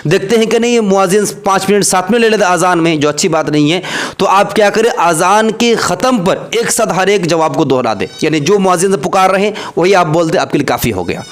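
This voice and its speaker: A man. He explains each point patiently and repeats Arabic phrases slowly and carefully to model the right pronunciation. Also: high-pitched, animated. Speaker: Islamic teacher. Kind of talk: religious instruction vlog.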